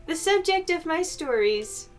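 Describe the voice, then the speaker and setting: Weary woman art teacher, read by a woman, mock-formal, animated pitch. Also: a little slow, soft background music. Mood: wry. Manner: mock-formal poetry reading. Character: put-upon small-town woman art teacher.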